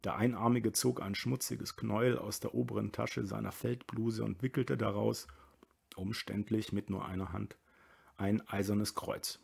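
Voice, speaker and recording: A man reading a novel aloud in a quiet, low-key narrating voice. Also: steady tone, unhurried, gravelly, slightly rough. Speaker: reader.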